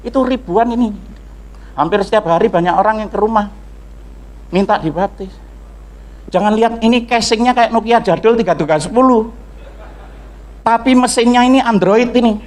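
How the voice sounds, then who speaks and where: A male pastor giving a lively testimony sermon to a congregation, acting out dialogue and singing snippets of hymns. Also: high voice, rough recording. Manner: animated storytelling with acted dialogue and sung snippets.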